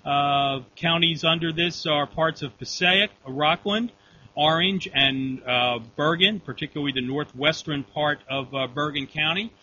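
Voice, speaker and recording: A man with a very sharp, bright voice works as net control on a ham radio storm net. His phrasing is formal and procedural, pitched a little high. The audio is dull and lo-fi. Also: unhurried. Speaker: weather net control operator.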